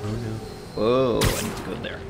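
A man's voice: lowish voice, steady tone, moderate pace, gravelly. A man streaming a video game, joking to himself and greeting viewers as he plays. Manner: joking self-talk, chatting to viewers. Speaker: livestreamer. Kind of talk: casual gameplay commentary. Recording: voice over loud game music. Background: game music.

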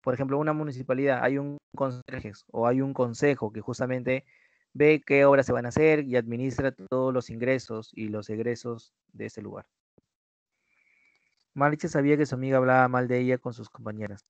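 A man's voice: mid-range voice, steady tone, brisk, no echo. Man, Peruvian Spanish accent, online language teacher, explains with examples, dry, lo-fi sound. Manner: explains by worked examples, checks in with students. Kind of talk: online prep-school class. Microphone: computer mic on a video class. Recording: dull, lo-fi online class audio.

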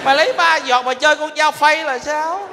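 A man's voice: very high voice, brisk, noisy background. An actor in a stage comedy sketch playing a clowning drunk man who reasons in a mock-serious way. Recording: reverberant stage hall.

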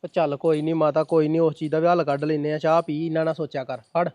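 A man's voice: a little high, flat delivery, fast talker, dark tone, dry recording, natural voice. An actor playing a young son who reassures his worried mother. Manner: soothing, reassuring.

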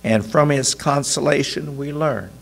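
A man preaching a sermon, reading a story aloud in a slow, expressive storytelling manner. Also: fairly high pitch, gravelly.

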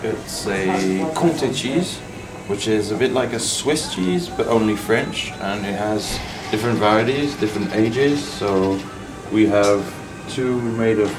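A man in his thirties who works in a busy indoor cheese shop explains the products plainly and matter-of-factly, with some hesitation. His low voice is a little slow with few pauses, recorded from far off by a camera mic in an echoey room with loud music and a loud crowd behind him.

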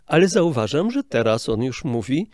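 A man's voice: medium pitch, sing-song, normal speed, darkish tone, dry recording, clean studio sound. An older man, a film sound director, explaining his craft in an interview in a hesitant, explanatory way with frequent restarts. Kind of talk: casual interview talk.

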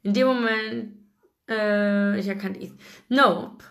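A woman's voice: medium pitch, fairly even intonation, moderate pace, fairly bright tone. A woman reading a novel aloud in first person, her voice sitting in a middle register. She slips and restarts now and then. It sounds like a book blogger's reading.

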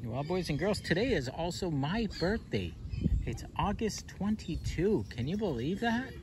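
Guy doing a counting game for little kids, super lively up and down voice, outside with birds and a bit of noise. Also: high-pitched, a little slow. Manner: animated, question-asking, talking as to small children. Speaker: host of a children's counting game. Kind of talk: playful narration addressed to young children. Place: outdoors on grass in a park. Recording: outdoor ambience with birds, faint noise. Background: birds and outdoor ambience.

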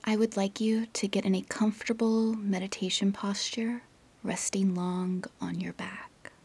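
This is a yoga nidra meditation guided by a woman whose near-whisper is soft and husky, with a creaky quality. Long pauses fall between her gentle instructions, and her pitch stays very level.

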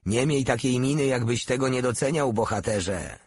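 A man voicing a boastful, mocking male soldier in an audiobook, with a husky voice. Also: mid-range voice, normal speed, a little mellow, no room sound, clean studio sound, pitched above the performer's own voice, lightly acted.

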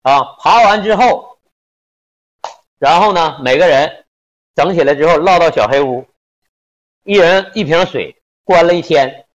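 A man's voice: a little high, animated, measured pace, pauses often, highs cut off. A man telling a story casually, crude and colloquial, slipping into voices for the people he quotes.

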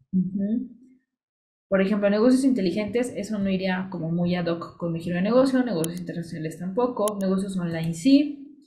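A woman's voice: mid-range voice, mellow. A woman giving a screen-share tutorial on social media tools, chatty and explanatory, walking through each click step by step. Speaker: social media business coach.

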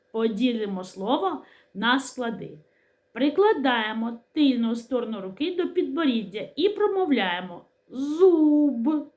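A woman teacher from Ukraine leads a children's literacy lesson, speaking slowly and stretching out each syllable with care. Her fairly high voice moves up and down with plenty of life as she asks questions and answers them herself. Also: a little mellow. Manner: slow, careful enunciation of syllables.

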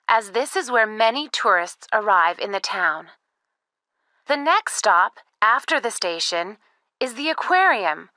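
A woman playing the announcer of a recorded phone message, giving scripted tourist information in a measured, informative way. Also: on the high side, bright, forceful tone, no echo, full character voice. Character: female announcer of a tourist bus tour phone line.

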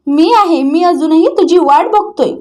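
Lady reading out a young guy's earnest letter, pleading, high voice. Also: a little slow, warm tone. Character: educated young man writing a longing letter.

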